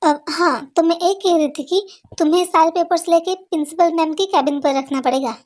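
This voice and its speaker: A woman voicing every part of a fan-made dub, with playful, teasing lines. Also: very high-pitched. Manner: playful, teasing, animated dialogue. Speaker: fan dub voice-over artist. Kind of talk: hindi fan-dub dialogue acting. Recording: noisy home recording.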